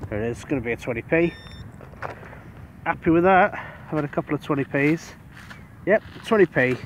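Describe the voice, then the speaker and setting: A British man, a metal detectorist, giving casual commentary to the camera outdoors on a beach as he digs up each find and gets excited about it. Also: a little high, brisk, slight background noise.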